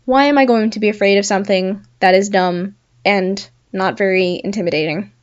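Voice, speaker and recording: A woman's voice: mid-range voice, a little fast, clean tone, lo-fi sound. A young woman hosting a casual solo talk show, chatting and laughing at her own examples. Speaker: podcast host.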